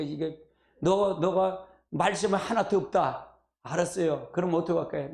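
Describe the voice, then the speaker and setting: A man's voice: sits high, gravelly, a little mellow. A middle-aged man preaching at a church prayer meeting in a folksy call-and-response style with personal asides. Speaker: pastor. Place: church sanctuary. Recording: echoey church hall.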